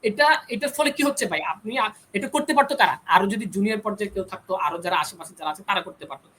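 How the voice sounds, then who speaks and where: A man's voice: high-pitched, fast, bright, forceful tone, a little hiss or hum, low-quality recording. A young man speaking as a guest on a discussion panel, arguing his side insistently and refusing to be cut off. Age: young adult. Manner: insistent, argumentative, pushes back when cut off. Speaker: panel guest, engineering student. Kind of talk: heated panel debate.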